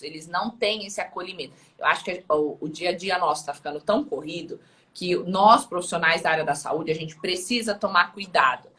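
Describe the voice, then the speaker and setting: A woman's voice: fairly low pitch, pushed and bright. A woman audiologist talking casually as an interview guest, chatty and peppering her sentences with little check-in tags.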